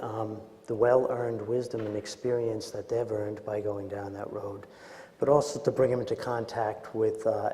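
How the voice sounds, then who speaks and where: A man with a Queens, New York accent gives an informal conference lecture as a doctor, in a hesitant, halting, self-deprecating way. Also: fairly low pitch, a little mellow. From Queens, New York, United States. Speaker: doctor presenting at a medical training. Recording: echoey hall with long reverb.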